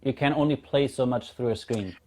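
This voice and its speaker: Poor audio captures a brisk man with a mid-range, a little mellow voice. A native German speaker from Germany in his thirties, he is a community founder talking casually as a guest in a video-call conversation.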